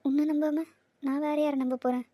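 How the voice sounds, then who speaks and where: Woman as anxious young cartoon girlfriend, scolding, high voice, dry sound. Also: little pitch movement, brisk, warm tone, no echo, lightly acted. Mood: earnest. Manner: scolding, worried, sulky. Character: young woman anxious about a forced marriage. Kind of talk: Tamil cartoon dubbing.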